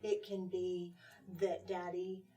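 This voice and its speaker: A woman's voice: lowish voice, level tone, takes it slowly, dark tone. Woman host, talk show, reflective, sounds a bit far from the mic.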